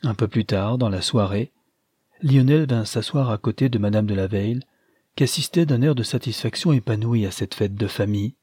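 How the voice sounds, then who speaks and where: Male audiobook narrator, measured and expressive; low, husky, dry. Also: dry recording. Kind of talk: scripted narration of a novel.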